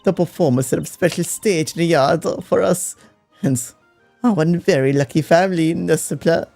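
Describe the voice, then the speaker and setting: A man's voice: a little high, moderate pace, gravelly, a little mellow, soft background music. A man voicing a flamboyant, theatrical older woman who talks in an airy, affected way and drops foreign phrases. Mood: breezy theatrical.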